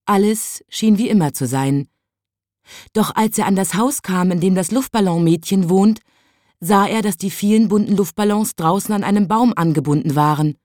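A woman narrating a children's story as an audiobook reader, gentle and expressive, recorded in a studio. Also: lowish voice, no echo. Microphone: studio voice-over.

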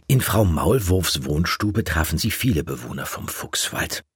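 Male narrator, low husky voice, lively intonation, dry sound. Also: a little slow, dry recording. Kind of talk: storybook reading.

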